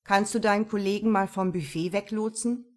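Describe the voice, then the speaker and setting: A woman voicing a busy male office colleague who speaks briskly and emphatically in a storybook reading. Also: medium pitch, fairly even intonation, natural voice.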